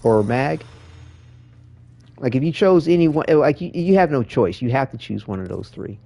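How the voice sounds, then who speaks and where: Gravelly man rambling casually about a game. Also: mid-range voice, animated, normal speed, warm tone, no echo. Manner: rambling, repeats words, slangy. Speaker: streamer showing a game to a viewer. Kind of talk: casual gaming chat and commentary.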